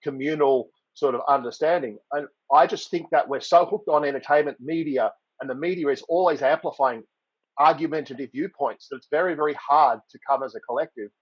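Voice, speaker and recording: A man's voice: fairly high pitch, a little fast, breathy edge, no echo, highs cut off. A man in a casual panel discussion, talking in a thoughtful, hesitant way with frequent restarts. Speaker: podcast panelist.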